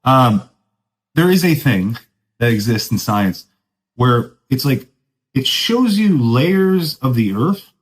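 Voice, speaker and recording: This podcast host's mid-range voice swings widely in pitch as he speaks at a slow pace, captured on a rough recording. Telling a meandering story in easygoing surfer talk, he repeatedly says "dude," mocks himself, and often breaks into laughter.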